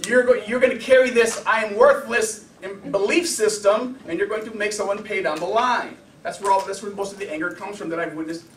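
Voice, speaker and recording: A man teaching an informal anger management class, talking in a lively, conversational way and acting out the voices of the people he quotes. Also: sits high, brisk, few pauses, slight background noise. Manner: animated, conversational, acts out quotes. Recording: echoey room, voice from a distance.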